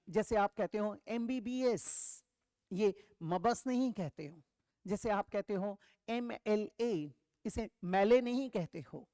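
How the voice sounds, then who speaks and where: A woman teaching an exam vocabulary lesson, asking questions and answering them herself, reading English definitions slowly. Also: mid-range voice, dark tone, no room sound. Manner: explains step by step, asks and answers her own questions, calls students "beta".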